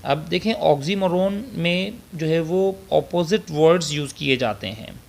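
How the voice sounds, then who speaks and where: A man with a Pakistani accent and a slightly high, creaky voice teaches a slide lecture on figures of speech. He speaks slowly and hesitantly, filling pauses often and switching between Urdu and English.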